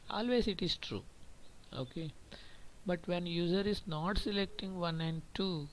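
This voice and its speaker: A man teaches a programming class at a slow, unhurried pace. His voice sits a little high for a man. He explains patiently and repeats key points. A faint hiss runs underneath. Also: low-quality recording. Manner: patient, repetitive explaining with frequent "okay". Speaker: computer teacher. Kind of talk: screen-recorded programming lesson.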